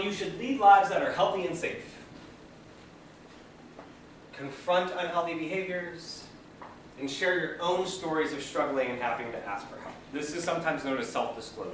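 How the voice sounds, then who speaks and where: In a training room, a man runs a peer education session like a classroom lecture, speaking energetically and putting questions to the group. His voice is a little high and a bit bright. The room is echoey, the mic is far away, and there's background noise.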